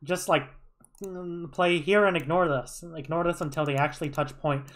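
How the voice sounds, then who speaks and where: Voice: mid-range voice, fairly even intonation, moderate pace, a bit bright. An analyst casually breaking down team tactics over a match broadcast, thinking aloud with many fillers and restarts. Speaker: co-streaming analyst.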